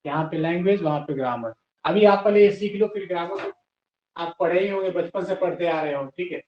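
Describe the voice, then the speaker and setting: A man's voice: high-pitched, brisk. A man teaching English to a class, patiently spelling words out letter by letter and encouraging his students. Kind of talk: classroom lesson. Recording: roomy, dull lo-fi classroom recording.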